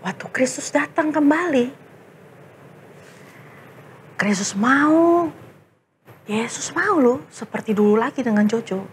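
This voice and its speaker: A woman Sunday school teacher tells a story to the children with lively, animated delivery. Her voice sits high and she takes her time. A faint noise sits behind her. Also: slow pace, long pauses. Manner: animated, addresses children directly.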